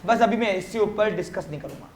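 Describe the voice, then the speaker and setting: A man's voice: high-pitched, quick pace, a little hiss or hum. A man teaching a commerce class in a classroom, explaining step by step and often quizzing his students with short check questions. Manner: mixes English terms into Hindi explanation. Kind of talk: classroom lecture. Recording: roomy classroom echo.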